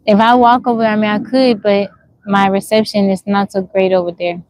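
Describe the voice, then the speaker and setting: A forty-something woman livestreams informally from the woods, reading comments and answering frankly while questioning and repeating herself. Her medium-pitched delivery is flat, slightly mellow, and moderately paced. The recording is dry and rough.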